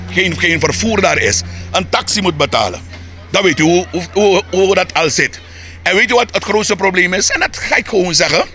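A man's voice: high voice, pushed and bright. A man from Suriname with a Surinamese Dutch accent, speaking heatedly in a street interview, asking rhetorical questions and repeating words as he builds his points.

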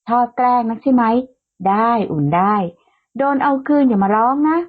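A woman's voice: a little high, moderate pace, husky. A woman voicing a young male rancher boss who grumbles and cajoles, with a tinny phone-like sound. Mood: teasing.

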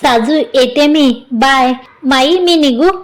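A woman voicing a bashful young wife, high. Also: slow pace. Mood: flustered. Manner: flustered, scolding and coaxing. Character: young bashful newlywed wife, flustered and pleading.

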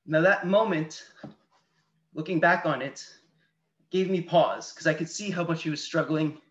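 Unhurried and fairly bright, with a slightly high pitch, a Canadian man in his thirties from near Toronto addresses a seminar as a patient advocate. He is conversational, open and reflective, joining by video call from a small room where the audio sounds dull and lo-fi.

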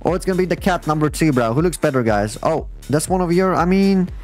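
A man with a slightly high voice hosts a livestream in a loose, slangy, chatty way. He talks straight to viewers and players as he commentates on the game, with music playing faintly behind him. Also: expressive, fast. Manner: slangy, addressing viewers and players as bro and guys. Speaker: live streamer hosting a game fashion show.

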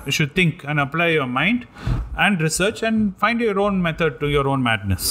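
A man's voice: a little high, very animated, brisk, sharp tone. A man with a South Indian accent and Tamil as first language, explaining things in a casual podcast discussion and mixing in Tamil. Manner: switches between English and Tamil. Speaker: podcast co-host. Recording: clear background noise.

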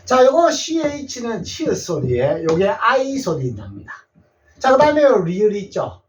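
A man's voice: sits high, wildly swooping pitch, normal speed. A man teaching a patient blackboard language lesson to seniors, repeating each word and checking in with his listeners. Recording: distant, dull lo-fi sound.

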